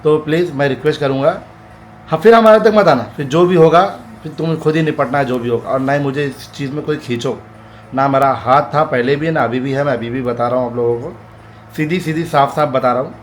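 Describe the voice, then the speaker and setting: A man's voice: medium pitch, fairly even intonation, fairly quick, slight background noise. A man vlogging in casual Hindi talk, giving firm, pleading warnings and repeating his points.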